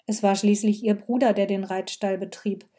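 A woman narrating a story in a calm, measured read that sometimes sinks to a whisper. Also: mid-range voice. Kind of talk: scripted narration.

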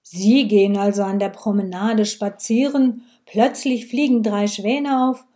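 Gruff mocking village cop, a lady reading puts him on, loud and clipped, mellow tone. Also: medium pitch, steady tone, unhurried, natural voice. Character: gruff, sneering male village policeman.

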